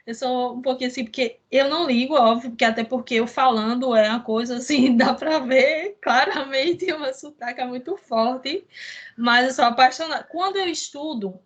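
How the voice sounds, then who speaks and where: A woman hosts a relaxed conversation and talks a bit higher than most. She wanders through her thoughts and keeps tossing in little tag questions to check in with her guest. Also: moderate pace. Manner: rambling, with frequent tag questions. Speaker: host. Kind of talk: casual conversation.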